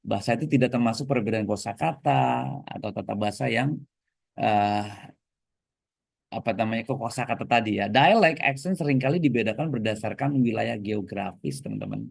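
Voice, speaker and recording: A man's voice: medium pitch, brisk, creaky, no echo, clean studio sound. A man with an Indonesian accent teaching an English lesson to a class, explaining and prompting students to repeat. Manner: lively, switches between explaining and prompting the class.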